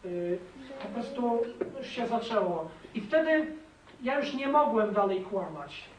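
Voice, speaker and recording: A man's voice: sits high, animated, measured pace, noisy background. Man, former priest, testimony talk, emphatic, echoey distant recording. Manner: earnest, emphatic, appeals to listeners with tag questions. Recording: echoey hall, voice from a distant mic.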